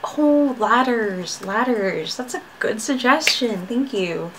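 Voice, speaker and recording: A woman in her twenties giving casual, excitable gameplay commentary, talking herself through her moves. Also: a little high, slow. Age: 20s. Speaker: gamer and streamer. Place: bedroom, indoors. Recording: clear background noise with clicking.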